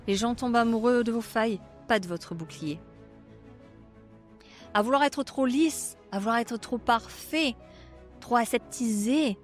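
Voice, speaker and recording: A woman hosting a podcast in a comic monologue, mocking and animated, swinging between loud punchlines and soft asides. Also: mid-range voice. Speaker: podcast host.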